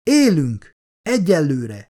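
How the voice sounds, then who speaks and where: A man voicing a flustered male scientist who corrects people and shouts in a high, strained voice. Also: huge pitch swings. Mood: urgent, strained. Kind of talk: audiobook character voice.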